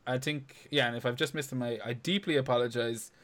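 A man's voice: medium pitch, fairly even intonation, a little fast, a bit bright. A man with an Irish accent hosting a podcast in casual, freely sweary banter. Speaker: podcast host.

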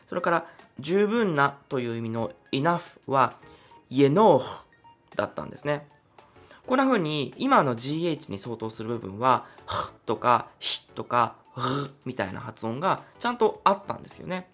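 A man hosting his own podcast, talking through an idea one step at a time in a chatty, easygoing way. His voice is a little breathy, and his pitch moves around a lot as he speaks. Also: big pitch swings, moderate pace, fairly bright tone, soft background music. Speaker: podcast host. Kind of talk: solo podcast explainer.

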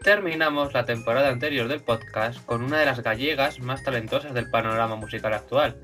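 Man from hosting a podcast, mid-pitched voice, easygoing questions, faint music under him. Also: a little fast. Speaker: podcast host. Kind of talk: podcast interview.

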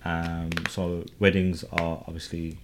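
A man's voice: deep voice, level tone, slow pace, background noise. A British man hosting a casual interview, chatty and hedging with "kind of" and "you know". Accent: British English. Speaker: podcast host.

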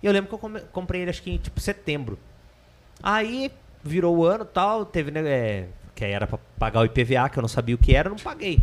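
A man's voice: fairly high pitch, expressive, fast talker. A man with a Brazilian Portuguese accent from the São Paulo interior, telling a casual, slangy, digressive anecdote as a podcast guest. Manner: colloquial, slangy, digressive storytelling.

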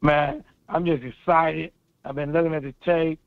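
A man speaks over a tinny phone line in a high voice. He is an eager football fan calling in, talking in loose slang. The line is dry and narrow. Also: steady tone, normal speed, gravelly, smooth, no echo. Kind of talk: casual sports chat.

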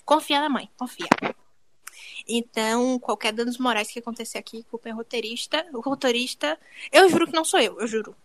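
A woman's voice: a little high, a little fast, fairly bright tone, a little hiss or hum, poor audio. A young woman from Brazil hosting a podcast, joking and telling stories in a playful, self-mocking way. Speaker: podcast host.

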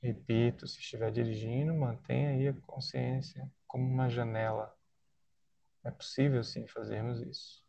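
Leading a guided body-scan relaxation, a man with a Brazilian accent speaks soothingly and unhurriedly, leaving long pauses between short phrases. His medium-pitched voice is gravelly and dark with fairly even intonation, and there is no room sound.

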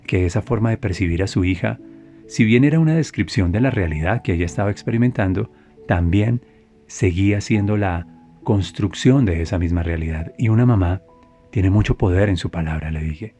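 A man, telling a reflective story in a calm way and repeating phrases for emphasis. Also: low-pitched, moderate pace, faint music behind. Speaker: spiritual speaker.

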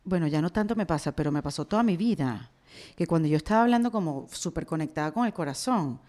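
A woman's voice: low voice, lively intonation, quick pace, warm tone. A woman hosting a podcast in casual interview chat, with a confiding manner. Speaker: podcast host. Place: studio set in Miami.

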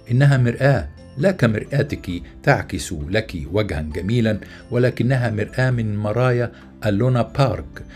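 A man's voice: fairly low pitch, a little mellow, breathy edge. A man voicing a despairing, bitter young man who declaims his case in a raised, agitated way.

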